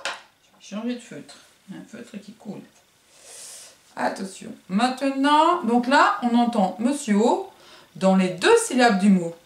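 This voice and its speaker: Slow, echoey woman teacher. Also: a little high, very animated. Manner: slow, syllable-by-syllable, encouraging. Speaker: kindergarten teacher. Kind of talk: remote phonics lesson for young children. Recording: roomy echo.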